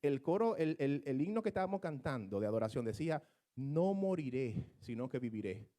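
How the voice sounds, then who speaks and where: A man's voice: medium pitch, very animated, brisk, warm tone. A man preaching a sermon, explaining scripture in a teaching manner that rises into fervent, emphatic exclamations.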